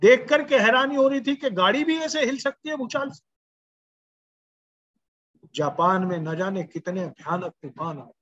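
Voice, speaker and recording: A man's voice: sits high, lively intonation, a little slow, long pauses, fairly bright tone. An older man giving a spiritual discourse, repeating his calls to rise in chant-like refrains. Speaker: spiritual speaker. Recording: dull lo-fi recording.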